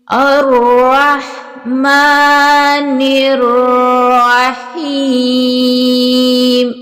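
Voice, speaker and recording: A woman teaching Quran recitation, explaining pronunciation and then reciting verses slowly with long drawn-out, melodic vowels. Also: medium pitch, creaky, in a large hall. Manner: slow and deliberate, stretching recited words melodically. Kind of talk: slow recitation lesson with explanations.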